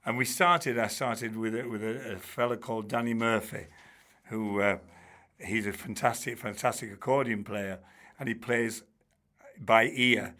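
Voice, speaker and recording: Here the former teacher from Bradford, England, an older man and charity trustee, talks a little slowly with a fairly low pitch and a steady tone. As a guest in a relaxed interview, he tells stories warmly and humorously, full of asides, restarts and "you know"s.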